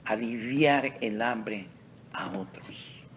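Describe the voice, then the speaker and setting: Male pastor preaching slow, bright voice, drops almost to a whisper then pushes hard, church sanctuary, faint hum behind. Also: medium pitch, steady tone. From Texas. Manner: slow, deliberate preaching that drops to near-whispers and rises to emphatic peaks. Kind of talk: sermon.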